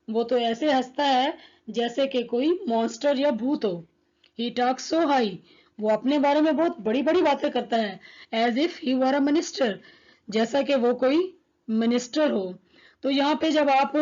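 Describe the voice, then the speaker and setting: A woman teaching an English grammar lesson, reading each example sentence slowly and deliberately. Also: high voice, darkish tone. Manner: slow, deliberate, reads English examples word by word. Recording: dull lo-fi recording.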